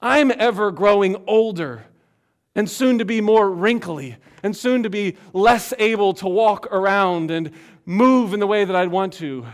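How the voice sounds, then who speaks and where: A man preaching a sermon as pastor, earnest and emphatic, swinging between loud passages and hushed ones. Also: high-pitched, unhurried.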